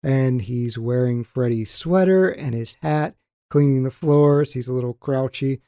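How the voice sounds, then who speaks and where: A man co-hosting a movie podcast, talking through scenes in a relaxed, dry way. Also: mid-range voice, unhurried, dry recording. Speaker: podcast co-host. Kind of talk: casual movie-talk chat.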